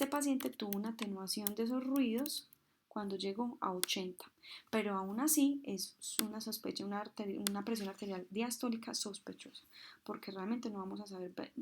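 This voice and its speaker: Female instructor, mid-pitched, explains a medical procedure step by step, imitates heartbeat sounds, noisy recording with clicks. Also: normal speed. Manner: mimics heartbeat sounds with "tun"; asks questions and answers them herself.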